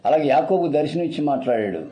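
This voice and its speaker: A man's voice: on the high side, lively intonation, quick pace, dull audio. A man preaching a sermon in an earnest, repetitive, urgent style.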